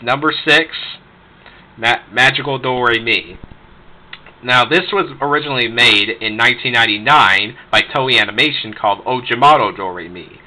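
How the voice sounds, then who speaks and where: A man's voice: medium pitch, bright, forceful tone, low-quality recording. A man giving an unscripted, rambling ranting review of shows he dislikes, with many restarts, swearing and laughs.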